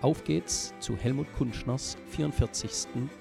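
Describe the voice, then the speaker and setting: Gravelly male podcast reporter. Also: mid-range voice, a little slow, loud music behind the voice. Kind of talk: scripted podcast intro and street interview.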